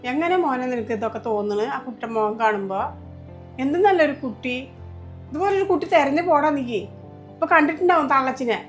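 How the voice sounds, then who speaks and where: A woman's voice: high voice, animated, fairly quick, faint music behind. A woman playing a stern mother in a family short film, emphatic and reproachful. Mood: angry, scolding. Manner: scolding, emphatic, lamenting. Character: stern mother, fiercely protective of her daughter-in-law. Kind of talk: home-made family drama acting.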